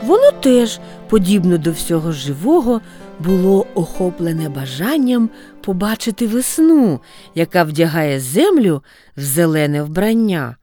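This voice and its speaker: Expressive woman reading a fairy tale. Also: a little slow, soft background music. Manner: expressive, sweeping pitch. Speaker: narrator. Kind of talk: storybook reading.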